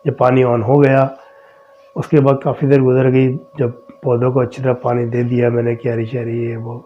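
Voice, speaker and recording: A man's voice: medium pitch, little pitch movement, slight background noise. A middle-aged man hosting a podcast, casually telling his own experiences and retelling conversations with frequent "I said". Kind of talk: casual personal storytelling. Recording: dull lo-fi recording.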